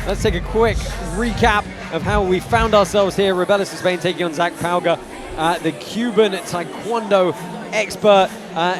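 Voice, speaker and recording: A man leads live fight commentary in a slightly high voice. Very loud music and a roaring crowd surround him. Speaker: lead commentator.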